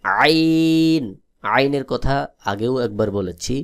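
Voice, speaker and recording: A man from Bangladesh teaching Quran letter pronunciation, drilling each letter slowly and repeating it several times. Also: mid-range voice, a little mellow. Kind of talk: slow letter-by-letter pronunciation lesson.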